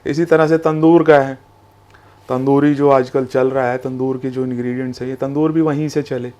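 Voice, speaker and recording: Business founder, man; explanatory storyteller, sprinkles English into his speech, steady mid-range voice. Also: mid-range voice, moderate pace. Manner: explanatory, storytelling, mixes English phrases into Hindi. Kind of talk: business interview.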